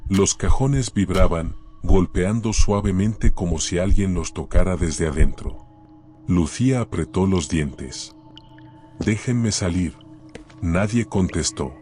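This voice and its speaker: Male narrator, very low voice, somber scripted horror reading. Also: darkish tone.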